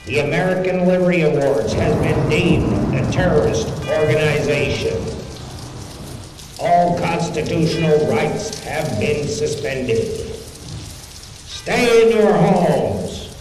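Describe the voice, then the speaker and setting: A man delivering a rock track as an emergency broadcast announcement, shouting commanding orders. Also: a little high, slow, background noise. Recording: heavy hall reverb under loud rock music.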